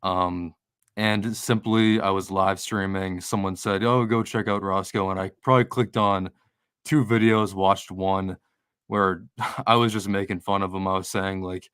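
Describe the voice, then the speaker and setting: A man's voice: deep voice, fairly even intonation, unhurried, fairly bright tone, clean tone, no echo, clean studio sound. A man in casual podcast talk, rambling and swearing, often restarting his sentences. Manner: rambling, profane, with many restarts. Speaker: guest streamer.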